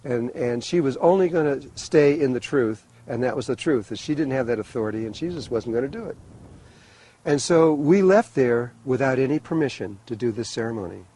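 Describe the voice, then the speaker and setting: A man telling a long personal story in a rambling, animated way, with many restarts. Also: mid-range voice, a little fast, husky, rough recording. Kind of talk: storytelling talk.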